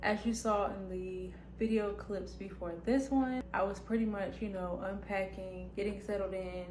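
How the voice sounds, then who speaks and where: A woman's voice: mid-range voice, fairly even intonation, moderate pace, darkish tone, a little hiss or hum. A woman vlogging casually, with a slight lisp from wearing retainers. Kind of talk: casual vlog chat. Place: indoors at home, echoey apartment room. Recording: roomy echo, music behind.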